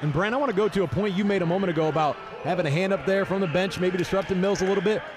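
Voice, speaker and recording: A man giving fast live basketball commentary as play-by-play announcer, with clipped, urgent calls. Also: sits high. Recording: noisy arena with crowd behind. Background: crowd and bouncing basketball in arena.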